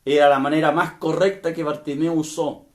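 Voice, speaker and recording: A male pastor delivering a sermon in a fairly high voice. He builds to emphatic bursts, then drops to quiet asides, and keeps asking his congregation questions. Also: fairly even intonation, fairly quick. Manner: addresses listeners directly with questions.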